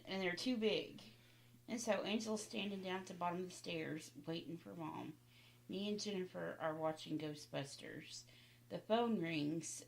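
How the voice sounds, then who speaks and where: Gravelly woman telling stories. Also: low-pitched, a little hiss or hum. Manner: rambling, laughing, frequent asides. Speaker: podcast host telling a sibling story. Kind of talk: casual family storytelling.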